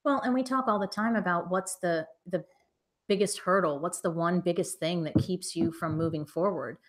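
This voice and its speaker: A woman's voice: on the low side, normal speed. A woman in her thirties co-hosting a casual chat from a living room couch, teasing and chatty, often tagging lines with "right?". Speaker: co-host of a reselling channel.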